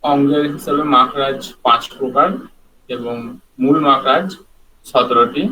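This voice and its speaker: A man who is a student in an online class, slowly reciting letter drills in a measured, repetitive way. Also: medium pitch, steady tone, recorded from a distance, dull audio, slight background noise.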